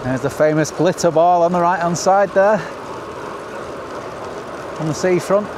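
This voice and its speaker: A high male voice keeps a measured pace here. The middle-aged cycling vlogger, northern English by accent, chats casually from his bike outdoors in an upbeat, travel-show style, recorded amid noisy wind and traffic.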